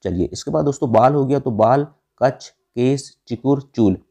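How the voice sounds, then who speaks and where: A man's voice: medium pitch, normal speed, mellow. A man teaching grammar for an exam, asking his students questions and answering them himself, repeating the key terms. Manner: asks the class questions and answers them himself, addressing "friends". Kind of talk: exam-prep lesson.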